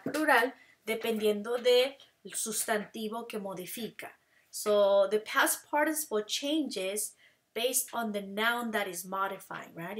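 Her voice is mid-range and fairly bright as she explains grammar at a slow, deliberate pace. Switching back and forth between English and Spanish, this woman teacher lingers on each example word.

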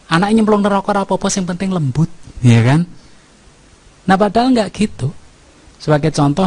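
A male preacher with a Javanese accent delivers a light, humorous sermon in a husky, slightly raised voice. He tells lively stories and keeps tossing "ya kan?" back at his listeners. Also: fairly high pitch.

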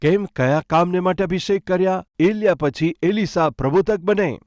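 A man preaches a sermon in a fairly high voice. He builds earnest emphasis and turns often to his listeners. The sound is dry and close, with no room echo. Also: normal speed, darkish tone. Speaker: pastor.

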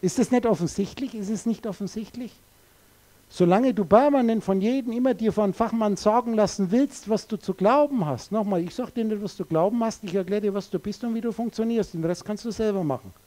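A man's voice: high voice, fairly quick, dark tone. A man giving a spiritual lecture to an audience. He is blunt and provocative, uses crude words and speaks straight to his listeners. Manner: addresses listeners directly.

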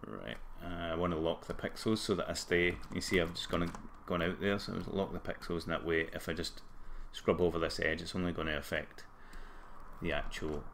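Male tutorial presenter, broad Scottish, very low and groggy with heavy fry, informal working-aloud delivery. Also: fairly quick, a bit bright, a little hiss or hum. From Scotland. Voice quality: groggy, gravelly throat. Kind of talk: casual screen-recorded software tutorial.

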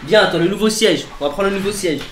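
A man hosting a casual gaming news vlog, excitable and repeating words over and over. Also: high-pitched, fast, a little hiss or hum. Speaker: gaming YouTuber. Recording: roomy echo.

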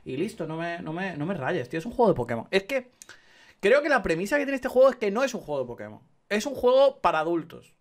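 A man's voice: high-pitched, very animated, fast. A young man from Spain with a Spanish accent, giving sarcastic, slangy let's play commentary full of swearing. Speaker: gaming youtuber.

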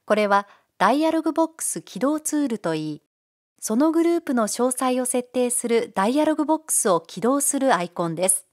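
A woman giving calm, polite, step-by-step narration for a software tutorial. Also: fairly high pitch, brisk. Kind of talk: scripted screencast narration.

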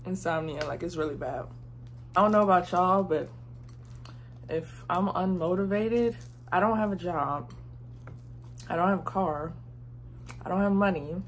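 A woman in her twenties talking casually to her phone camera in her bedroom. She is candid and slangy, and swings between hushed and loud. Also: fairly low pitch, measured pace, pauses often, slight background noise. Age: 20s. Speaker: vlogger. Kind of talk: casual vlog chat to camera. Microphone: phone mic.

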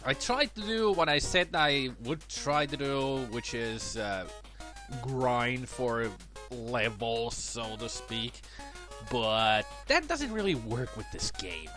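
Over music, a let's play gamer talks slowly and casually about his own boxing gameplay, poking fun at himself. He has a cold, so his voice sounds a bit worn, yet he stays chatty with lively swings in pitch.

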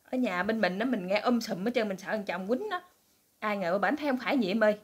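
A woman voicing a curious, excitable husband who gossips about the neighbors. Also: mid-range voice, quick pace, breathy edge. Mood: worked up. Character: curious nosy husband, middle-aged man.

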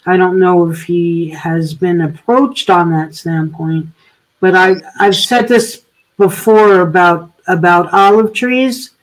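Slow, halting woman host on a video call. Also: on the low side, fairly even intonation, poor audio. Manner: thoughtful, halting, frequent restarts. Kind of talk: casual political discussion.

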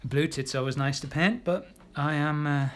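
A man with a fairly high voice guides a live painting class, encouraging the viewers as he works. He talks in a loose, chatty way, full of ums and restarts while his brush moves. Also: steady tone, moderate pace, fairly bright tone, slight background noise. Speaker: illustrator teaching a live art class. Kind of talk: casual live draw-along class.

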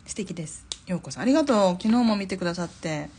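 A woman's voice: fairly low pitch, expressive, fast talker, a little mellow, breathy edge. A middle-aged woman from Japan, a drawing teacher hosting a live stream, chatting casually while she draws, laughing often and reading out viewer comments. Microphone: phone or camera mic on a live stream.

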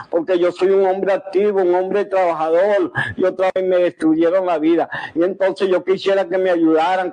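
Venezuelan man, 60s, high-pitched, halting testimony full of restarts. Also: darkish tone, poor audio. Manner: halting, restarts often, tag questions like "¿ves?". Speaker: interviewed patient. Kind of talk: news interview testimony.

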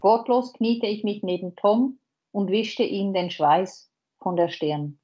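A woman's voice: medium pitch, highs cut off. A woman teacher with a Dutch accent reading a German novel aloud to a class and stopping to explain words. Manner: slow, pauses to explain words.

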